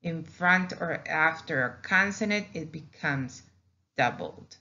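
Patient teacher, woman, speaks slowly, repeats sounds for students, muffled recording. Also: deep voice, lively intonation, sharp tone. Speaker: Spanish teacher. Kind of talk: slow classroom lesson narration over slides.

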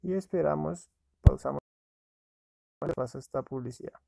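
Gravelly man narrating an app walkthrough. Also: a little high, normal speed, dark tone. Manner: casual, addresses viewers as friends. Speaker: app reviewer. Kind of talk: screen-recorded app walkthrough.

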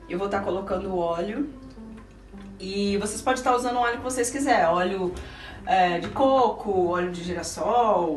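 A cooking show host with a mid-range voice, a middle-aged woman who is also the child's aunt, keeps up chatty, patient encouragement while cooking casually with the child and explaining the steps to viewers. The audio comes from a camera a helper holds a few feet away in a small, roomy home kitchen, with music in the background.

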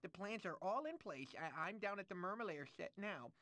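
A jittery, fawning TV producer in a video game cutscene. He stammers and lisps, his bright voice jumps all over the place, and the sound is close and dry. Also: sits high, expressive, a little fast, no echo. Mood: nervous fawning. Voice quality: lisp. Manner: stammering, eager to please. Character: nervous fawning male TV producer.

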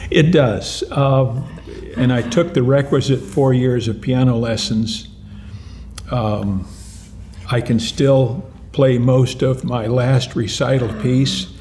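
An older man, a retired mathematics professor, answers interview questions animatedly but slowly, frequently restarting and repeating words, in a mid-range voice. He sits indoors in a lounge-like room with armchairs and lamps, and there's a little hiss or hum in the recording.

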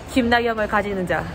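A woman talking through a face mask, vlogging a food tour in a playful, teasing way and laughing often. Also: mid-range voice. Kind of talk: casual vlog chat to camera. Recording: clear traffic and street noise behind.

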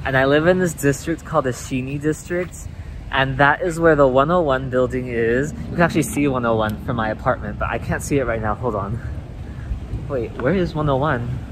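A man's voice: medium pitch, brisk. Guy chatting to his camera through a face mask, lots of likes and ums, street noise behind. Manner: chatty, loose, full of "like" and "um". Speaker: vlogger. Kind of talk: casual vlog chat to camera.

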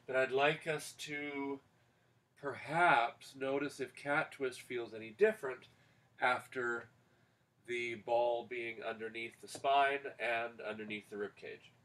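A man teaching a yoga class for singers, giving calm, unhurried instructions with pauses. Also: medium pitch.

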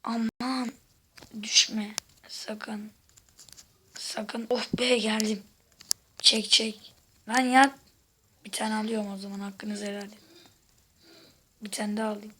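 A woman giving casual gameplay commentary, exasperated, swearing and shouting out at the game while chatting to her viewers. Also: medium pitch, slight background noise. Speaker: gaming video host.

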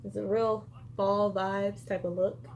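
Her delivery is flat and a little slow, at a medium pitch. This young beauty vlogger chats casually and slangily through a makeup tutorial in her bedroom, and the recording carries noticeable room noise.

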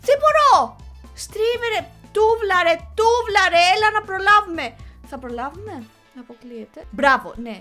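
Excitable young woman gamer, high and bright. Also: faint music behind. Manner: excitable, yells and scolds the game. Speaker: gaming YouTuber. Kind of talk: live gameplay commentary.

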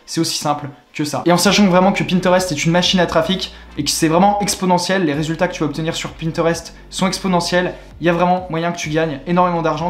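Young French male tutorial host, high voice, chatty salesy delivery, roomy echo. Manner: chatty, repeats filler words, upbeat salesy instructions. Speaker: online money-making tutorial host. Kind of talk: screen-recorded tutorial walkthrough. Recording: echoey room.

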